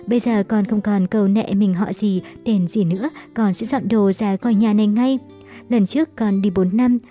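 A woman's voice: mid-range voice, warm tone, natural voice. A woman voicing a proud, wounded young man who speaks with firm resolve and grief, in a storybook reading. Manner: resolute, grieving.

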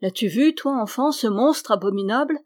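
A woman reading the lines of a haughty, quick-tempered noble widow in a storybook reading, imperious and impatient. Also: on the high side, animated, a little mellow, lightly acted. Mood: startled.

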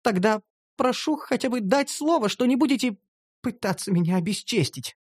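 A man's voice: very high-pitched, expressive, normal speed, husky, dry recording, pitched above the performer's own voice, heavily acted. A man voicing a haughty young noble elf woman who has been enslaved, prim and formal in an audiobook. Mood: indignant.

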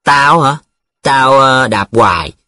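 A man's voice: medium pitch, slow, no room sound, pitched above the performer's own voice, heavily acted. A man doing a cocky teasing student lad. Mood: boastful. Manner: teasing, sing-song and excitable. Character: cocky teasing young male student, boastful joker.

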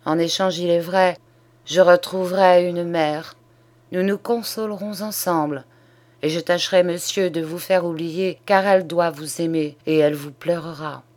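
A woman's voice: fairly low pitch, steady tone, normal speed, darkish tone, natural voice. Woman playing a shaken young nobleman. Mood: grave. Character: young aristocratic man, shaken but dignified. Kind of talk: audiobook character reading.

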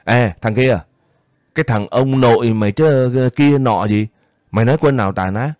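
A man's voice: mid-range voice, normal speed, darkish tone, no echo, lightly acted. A man voicing a brutal, sneering soldier who taunts and threatens people, in a dry, close audiobook reading. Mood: taunting. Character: brutal male soldier thug, sneering and menacing.

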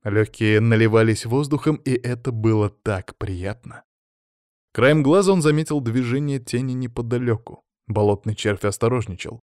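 A man's voice: mid-range voice, no echo. Man narrating an audiobook, dry close voice. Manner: steady, measured storytelling. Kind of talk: scripted narration.

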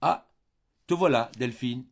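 A man's voice: medium pitch, highs cut off, pitched above the performer's own voice. A man voicing a despairing young countess. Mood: lamenting. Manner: lamenting, slow. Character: distressed young noblewoman, tearful and lost.

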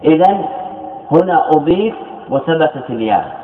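Higher-voiced man lecturing, tinny echo. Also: lively intonation, normal speed. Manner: asks questions and answers them himself, repeats key phrases. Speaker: Islamic scholar teaching grammar. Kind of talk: classroom lecture. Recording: tinny, echoey lecture recording.

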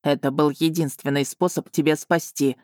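A woman's voice: deep voice, fairly even intonation, normal speed, a little mellow, no room sound, clean studio sound, natural voice. A woman reading an audiobook voices a stern, commanding male dragon with a curt, clipped manner. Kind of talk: audiobook character voicing.

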